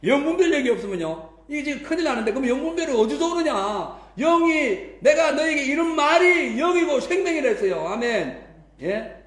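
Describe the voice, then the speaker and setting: A man's voice: extremely high pitch, big pitch swings, moderate pace, fairly bright tone, roomy sound. A male pastor delivering a sermon, emphatic, with frequent rhetorical prompts to the congregation. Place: church sanctuary.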